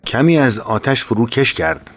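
A man reads a first-person war memoir in a grave, steady voice of ordinary male pitch. He lends the account dramatic weight without rushing, like a scripted audiobook narration. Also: gravelly.

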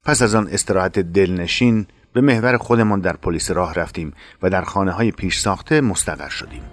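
A man narrating a war memoir in a measured, dramatic reading. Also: low-pitched, no echo.

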